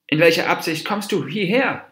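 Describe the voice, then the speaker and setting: Brief: a man playing a furious, stubborn storybook mouse deer, snappish and firm, lively pitch, echoey room. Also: a little slow. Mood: angry. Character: wrathful stubborn male mouse deer, fable hero. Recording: roomy echo.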